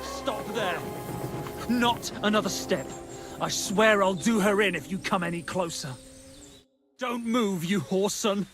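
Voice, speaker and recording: An actor playing a menacing, panicky medieval hostage-taker in a video game, threatening and agitated, swearing coarsely. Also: male voice, sits high, unhurried, pauses often, a bit bright, soft background music. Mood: menacing, hostile. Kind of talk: dramatic video game acting.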